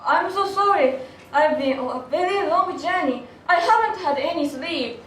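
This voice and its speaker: A woman's voice: very high voice, expressive, moderate pace, a bit bright, slight background noise. A young woman playing a tired, polite and curious little boy prince in a student stage play, asking earnest questions. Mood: apologetic. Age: young adult. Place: theater stage. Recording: echoey hall from far off.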